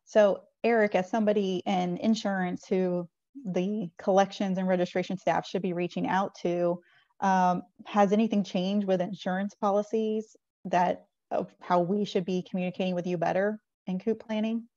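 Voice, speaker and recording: A woman's voice: mid-range voice, moderate pace, no echo. A woman moderating a panel on a video call, asking her guests short questions. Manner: brief, even questions. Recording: dull dry video call audio.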